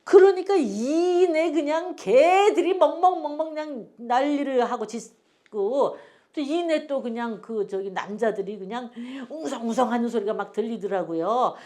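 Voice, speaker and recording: A woman's voice: on the high side, a little slow, warm tone. An older woman teaching an English phonics lesson, patiently repeating each word for learners to echo and drifting into homely stories.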